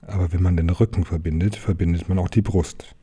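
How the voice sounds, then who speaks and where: A man's voice: sits low, fairly even intonation, fairly quick, dark tone, breathy edge. A man doing a caring little bear.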